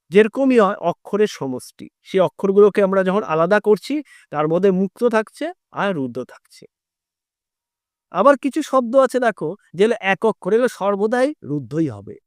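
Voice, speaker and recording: High-voiced man teaching patiently. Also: clear, resonant tone, dry recording, clean studio sound. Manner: asks questions and drags out syllables to demonstrate. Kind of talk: explaining a lesson to students.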